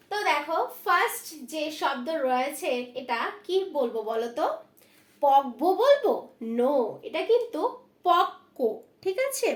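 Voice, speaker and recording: A woman's voice: high-pitched, a bit bright, reverberant. A woman teaching a spelling lesson online, spelling out words and asking the class questions over and over. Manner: asks the class questions, repeats words, says "ঠিক আছে?" again and again.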